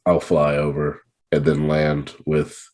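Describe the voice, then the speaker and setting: A man's voice: rumbling low, completely flat delivery, takes it slowly, darkish tone. A man chatting casually and role-playing as a player in a tabletop game.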